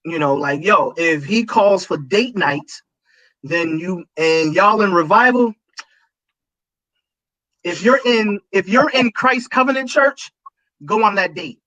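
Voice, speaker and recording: A man's voice: sits high, slow pace, long pauses, pushed and bright, no room sound, poor audio. A man speaking as a pastor in a casual livestream talk, preachy and emphatic, repeating his key points.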